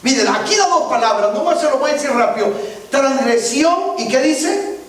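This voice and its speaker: A man's voice: extremely high pitch, lively intonation, moderate pace. A man preaching a sermon as pastor, often checking that the congregation follows him. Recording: very echoey church from far off.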